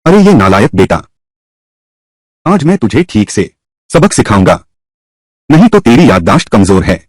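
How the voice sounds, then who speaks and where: A harsh, scolding father who heads the household, played by a man. His pitch rises and falls a lot, and his voice is slightly husky. The audio is dry and close in this dubbed drama. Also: no room sound. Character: stern angry middle-aged father, head of house.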